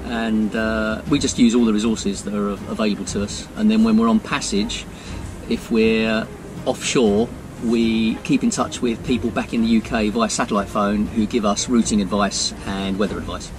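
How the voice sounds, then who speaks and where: An older man, a sailor, answering interview questions in a measured, practical way from a boat cockpit. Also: fairly low pitch, fairly even intonation, noisy background. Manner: measured, practical, with filler pauses. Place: boat cockpit under canopy, outdoors.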